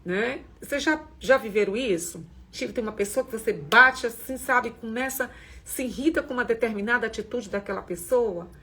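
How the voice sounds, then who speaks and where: A woman hosting a reflective self-development talk, speaking gently and conversationally with frequent asides to her listeners. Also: on the high side, normal speed, slightly rough. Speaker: host of a women's self-development community.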